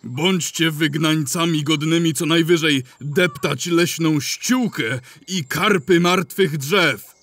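An actor playing Ongus, a stern male accuser who speaks slowly and solemnly in a radio drama. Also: a little high, a bit bright, dry recording, full character voice. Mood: stern condemnation. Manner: slow, solemn, condemning.

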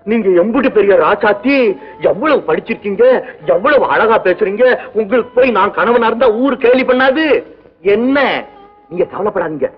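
A guileless rustic shepherd. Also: male voice, sits high, breathy edge. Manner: broad village dialect, simple and excitable. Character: naive rustic young male shepherd, humble and guileless. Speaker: actor. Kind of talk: 1960s film acting. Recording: muffled old film soundtrack with music.

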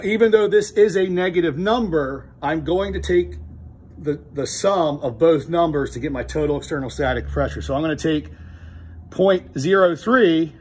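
With a fairly high pitch and a darkish tone, the middle-aged man teaches HVAC beside a furnace in an indoor training room. His hands-on explanation proceeds step by step in plain, methodical talk with many restarts.

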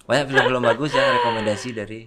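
A man's voice: medium pitch, steady tone, fast talker, over a noisy crowd. A middle-aged man, hosting a casual podcast interview. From Aceh, Indonesia. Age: 30s or 40s. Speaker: podcast host. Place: small podcast studio, indoors. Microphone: desk microphone.

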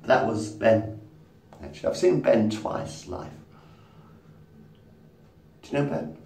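Speaking slowly in a medium-pitched, gravelly voice with a darkish tone, a vlogger in his fifties rambles to camera, swearing and laughing at his own jokes. He's filmed on a phone at arm's length in a small room, so the distant mic catches a roomy echo and faint background noise.

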